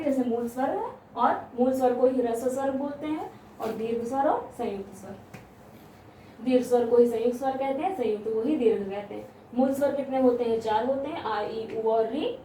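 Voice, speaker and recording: A woman teaching grammar, explaining step by step, asking questions and answering them herself, and stretching out example sounds slowly. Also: a little high, dark tone, a little hiss or hum. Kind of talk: classroom explanation. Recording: echoey room, voice from a distance.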